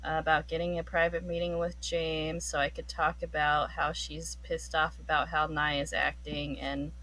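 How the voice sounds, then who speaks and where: A woman chats as a player in a tabletop game session. Her voice sits a little low but sounds bright and forceful. She jokes with the table and laughs readily. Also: poor audio. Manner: animated, joking, quick to laugh. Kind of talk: casual tabletop game chat.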